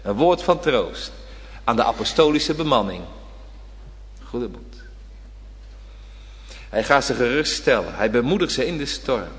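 A man preaching a sermon, dramatic, swinging from loud emphasis to near-whisper and asking the congregation rhetorical questions. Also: medium pitch, big pitch swings, moderate pace, long reverb tail.

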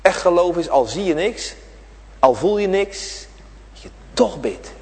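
Slow, lively-pitched male preacher in church. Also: slightly rough. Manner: emphatic, repeats short phrases, speaks directly to children. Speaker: pastor. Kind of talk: children's sermon on prayer day. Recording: long church reverb.

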